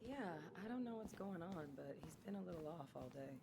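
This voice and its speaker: A woman's voice: lowish voice, lively intonation, a little fast, gravelly, a crowd in the background. An actress playing a polite, chatty woman covering a station's front desk. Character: friendly office worker covering reception. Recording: game audio with ambient noise.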